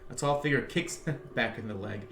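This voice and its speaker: A man streaming a game, reading its narration aloud in an animated way with frequent chuckles. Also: medium pitch, moderate pace, vocal fry, reverberant, a little hiss or hum.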